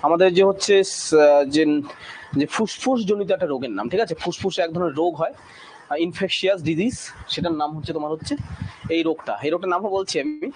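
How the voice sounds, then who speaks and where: Guy teaching english to a class, pretty high voice, sounds out big words slow bit by bit, faint noise behind. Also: a little mellow. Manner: drills pronunciation slowly syllable by syllable, often asks "ঠিক আছে?". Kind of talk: classroom grammar lesson.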